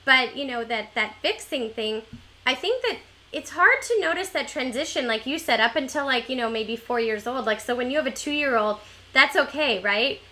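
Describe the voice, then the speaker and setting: A woman's voice: sits high, expressive, normal speed, sharp tone, rough recording. A woman hosting an interview, chatting eagerly and agreeing with her guest. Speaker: show host. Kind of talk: casual interview chat.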